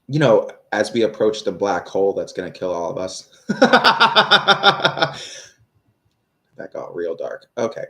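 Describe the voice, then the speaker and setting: Deep-voiced and slightly mellow, a man in his thirties talks fairly quickly with hardly a pause during a live tarot reading. He rambles and curses, with many fillers and restarts, reading out viewers' questions as he goes.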